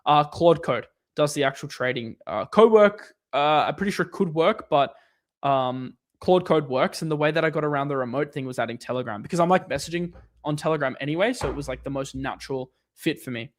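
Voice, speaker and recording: Male livestream host, higher-pitched voice, casual Q&A delivery, rambles and restarts often, filler-heavy. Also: brisk. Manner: loose, rambling, lots of "like" and restarts. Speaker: livestream host answering viewer questions.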